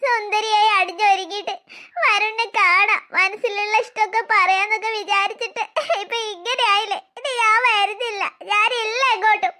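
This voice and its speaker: A woman's voice: very high voice, steady tone, moderate pace, sharp tone. Woman voicing a vain cartoon elder sister. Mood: whiny. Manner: dreamy, self-admiring, then whiny. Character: vain young woman admiring her own beauty. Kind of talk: cartoon story voice acting.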